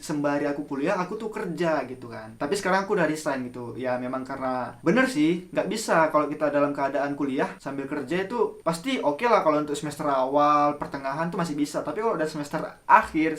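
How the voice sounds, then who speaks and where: A man's voice: on the high side, a bit bright. A young man giving casual reaction commentary as a video host, talking informally and repeating words for emphasis. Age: young adult.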